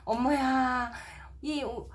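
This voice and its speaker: A woman's voice: high-pitched, fairly even intonation, drawn-out words. A woman storyteller reading a picture book to toddlers, talking to them with simple questions and exclamations. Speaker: storyteller mom reading picture books to children. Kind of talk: reading a picture book aloud to young children.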